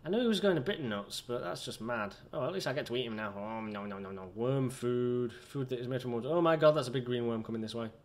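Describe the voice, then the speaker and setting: Man, gameplay commentary, rambling chatter, self-mocking, mid-pitched voice. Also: quick pace, few pauses, a little hiss or hum. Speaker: gaming video host.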